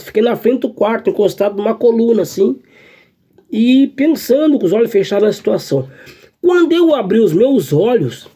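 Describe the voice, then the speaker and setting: High, husky man giving church testimony. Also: mellow. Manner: earnest, halting, repeats phrases.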